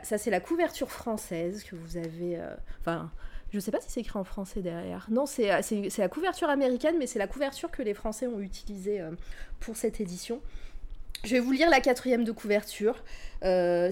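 A woman's voice: mid-range voice, lively intonation, fairly quick, darkish tone. A young woman co-hosting a web radio stream in casual chat, hesitant, with many fillers and restarts. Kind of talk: casual live-stream chat, book recommendation.

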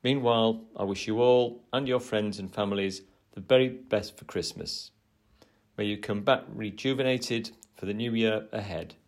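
A man reading a prepared formal message in a measured, earnest manner. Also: lowish voice. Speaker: trade association chair.

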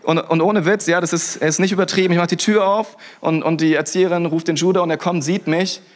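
A man's voice: sits high, fast. A young man giving a sermon as a pastor, talking casually and energetically, with frequent restarts and interjections. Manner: lively, colloquial, with frequent "hey" and restarts.

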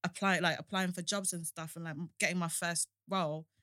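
Young woman, London roadman accent, bright and forward, slangy casual chat, dry close sound. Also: on the low side, steady tone, a little fast, no echo. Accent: London roadman, multicultural East London. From East London, England. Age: young adult. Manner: slangy, frequent 'like' and 'innit'. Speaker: interview guest.

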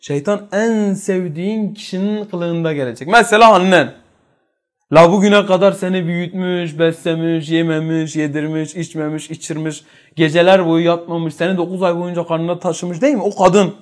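A man teaching a religious study lesson who quizzes his listeners with rhetorical questions and drops from loud emphasis into quiet, low asides. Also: fairly even intonation, moderate pace.

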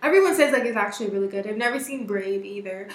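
A woman's voice: mid-range voice, expressive, quick pace, echoey room, noisy background. A young woman co-hosting a casual chat, giggling often and sometimes talking while eating. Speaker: co-host.

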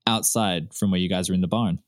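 A man's voice: deep voice, fairly even intonation, fast talker, no echo, studio quality. A man running a tabletop role-playing game as game master, telling the scene descriptively in a casual way. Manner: descriptive storytelling, casual asides.

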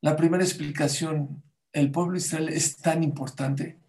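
Animated storytelling rabbi, a man. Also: fairly high pitch, moderate pace. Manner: storytelling, animated, acts out quotes; addresses audience with questions. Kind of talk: Torah sermon.

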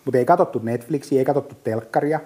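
A middle-aged man speaks in a slightly rough, mid-range voice as a business guest in a casual podcast conversation. Lively and vivid, his storytelling is loaded with fillers and frequent restarts.

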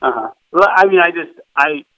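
A man's voice: a little high, animated, normal speed, dry recording. A man calling in by phone from Phoenix, Arizona, rambling and distracted, repeating "yeah" over and over. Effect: heard over the phone. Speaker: caller. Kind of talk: phone call-in chat. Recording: tinny dry phone line.

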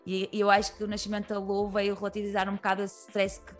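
A woman's voice: mid-range voice, monotone, fast talker, soft background music. A woman with a European Portuguese accent, a comedian talking candidly as a guest, rambling through many fillers and restarts. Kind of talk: candid podcast conversation.

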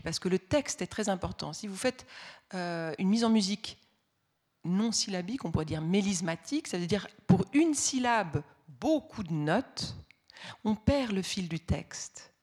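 A woman giving a spoken music lesson, explaining patiently with frequent hesitations and restarts. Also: medium pitch. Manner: reads the ballad aloud with expressive voices. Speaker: music teacher. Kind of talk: spoken lecture.

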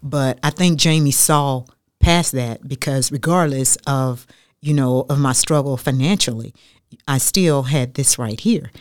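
Woman, animated storyteller, repeats for emphasis, dry close sound. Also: rumbling low, measured pace, no room sound. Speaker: radio guest. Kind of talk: casual storytelling interview.

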